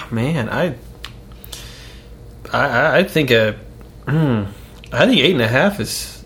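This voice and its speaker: A man's voice: medium pitch, lively intonation, slow, a bit bright, a little hiss or hum. A man co-hosting a casual podcast about beer, talking in an easygoing, chatty way with folksy sayings. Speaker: podcast co-host. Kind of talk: casual beer-tasting chat.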